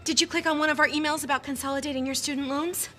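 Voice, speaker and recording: A woman's voice: sits high, steady tone, rapid-fire, lightly acted. A woman playing a chirpy, helpful, unfazed bank teller in a comedic advert. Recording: music behind advert dialogue.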